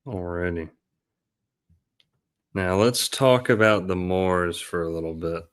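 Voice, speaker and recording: Low-voiced man hosting casually. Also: fairly even intonation, slow, smooth. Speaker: livestream host. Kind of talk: casual commentary, partly reading aloud.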